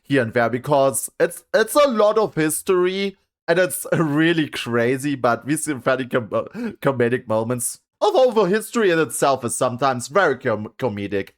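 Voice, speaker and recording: A streamer reacting to a video, exclaiming and swearing, with halting restarts. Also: medium pitch, sing-song. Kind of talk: casual reaction commentary.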